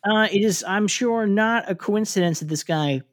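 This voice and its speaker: A man with a high-pitched voice at normal speed co-hosts a casual podcast, chatting his way through a TV episode recap with frequent fillers and restarts.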